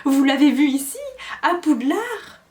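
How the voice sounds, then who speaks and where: A woman voicing a tearful, servile female house-elf in a squeaky, wailing voice. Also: animated, unhurried, darkish tone. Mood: shocked.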